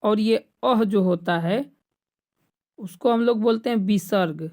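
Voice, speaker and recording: A woman's voice: medium pitch, unhurried, a little mellow. A woman teacher giving an exam-prep lecture, explaining step by step and repeating key terms back to the class as questions. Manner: patient, stepwise explaining with frequent checks.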